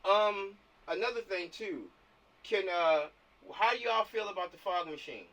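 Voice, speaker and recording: Over a distant video-call mic, an American film director casually leads a planning discussion in a high, sharp-toned voice at a measured pace. He tends to repeat himself and keeps checking that others follow him.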